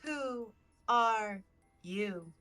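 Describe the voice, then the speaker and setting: A woman's voice: on the high side, expressive, bright, forceful tone, full character voice. Lady doing a creepy talking tree for a tabletop game, drags out every word, taunting riddles, music behind. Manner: slow, drawn-out, halting words. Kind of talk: tabletop role-play.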